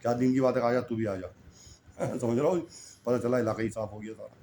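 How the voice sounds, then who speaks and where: A man's voice: mid-range voice, fairly even intonation, dark tone, slight background noise. A middle-aged man preaching a sermon in an impassioned, scolding way, firing off rhetorical questions.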